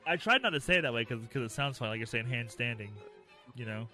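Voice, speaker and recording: Male live streamer, mid-pitched and bright, casual and playful, background music. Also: lively intonation, quick pace. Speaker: live streamer being interviewed. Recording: music behind the voice.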